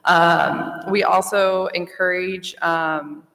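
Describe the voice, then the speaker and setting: A woman's voice: fairly low pitch, steady tone, slow, a bit bright, a little hiss or hum. A woman speaking as a panelist, explaining earnestly in a large echoey room. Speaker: utility representative on a panel. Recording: echoey hall with long reverb.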